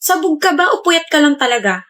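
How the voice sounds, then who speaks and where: A woman playing a sassy young woman in a comedy skit, firing back sharp, high-pitched retorts. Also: sing-song, fairly quick. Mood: indignant.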